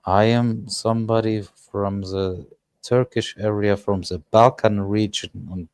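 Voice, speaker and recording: A man, speaking English as an in a casual panel chat and often pausing to search for words. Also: lowish voice, steady tone, a little mellow, clean tone, dry recording. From Germany. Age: 30s. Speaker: panel guest.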